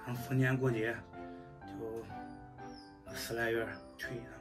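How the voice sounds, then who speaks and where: A man's voice: mid-range voice, flat delivery, a little slow, distant mic. A man, chatting casually as a vlogger. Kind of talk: casual vlog chat. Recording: background music, voice off from mic. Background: music.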